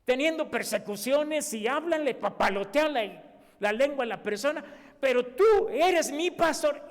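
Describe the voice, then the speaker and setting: A man with a Mexican accent preaching a sermon as pastor, animated and acting out the voices he quotes. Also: very high-pitched. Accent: Mexican Spanish. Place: church. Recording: long reverb of a church hall.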